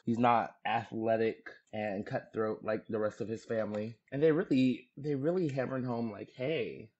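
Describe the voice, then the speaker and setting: A man's voice: medium pitch, fairly even intonation, moderate pace, darkish tone. Matter-of-fact man recapping a show, lo-fi mic. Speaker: podcast co-host. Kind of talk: casual podcast chat.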